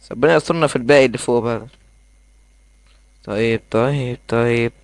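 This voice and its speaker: A young man with an Egyptian accent giving excitable, rambling commentary as he plays a game in his bedroom. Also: medium pitch, dry recording. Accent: Egyptian Arabic. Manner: excitable, rambling, quick asides. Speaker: gaming YouTuber. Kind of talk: casual gameplay commentary.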